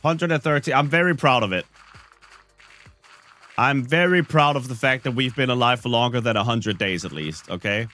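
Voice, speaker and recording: Faint music plays behind a man from Denmark whose mid-range voice is bright and forceful, at a moderate pace. Slightly unwell, this streamer jokes and rambles with his chat in a Danish accent as he plays a game live.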